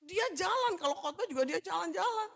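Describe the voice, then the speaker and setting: A woman pastor from Manado giving a loud, animated sermon, joking with the congregation and moving about as she preaches. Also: very high voice, brisk, creaky. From Manado, Indonesia. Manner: jokes with the congregation. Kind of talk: lively sermon.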